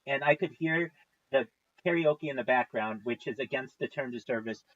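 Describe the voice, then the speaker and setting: Husky-voiced man in his thirties ranting. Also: mid-range voice, moderate pace, fairly bright tone, highs cut off. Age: 30s. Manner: profane, exasperated, rambling. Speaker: livestreamer. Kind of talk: casual storytelling rant.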